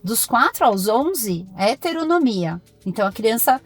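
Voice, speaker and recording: A Brazilian woman, a pediatrician, talking as a podcast guest in firm, animated stories full of acted-out dialogue. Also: on the high side, normal speed, husky, soft background music. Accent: Brazilian Portuguese. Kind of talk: podcast interview conversation.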